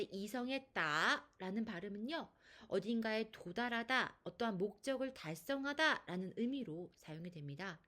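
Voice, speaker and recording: A woman with a fairly high voice whose pitch rises and falls a lot teaches a pronunciation lesson. She explains step by step in a patient, clear way, often turning to the viewer with questions. She sometimes stretches out long held vowels to demonstrate. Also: fairly bright tone. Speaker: Chinese language teacher.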